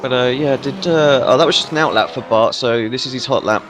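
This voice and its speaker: A man's voice: mid-range voice, brisk, music in the background. A hungover man giving casual live commentary on a sim race as a commentator. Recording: clearly noisy, vehicle sounds behind.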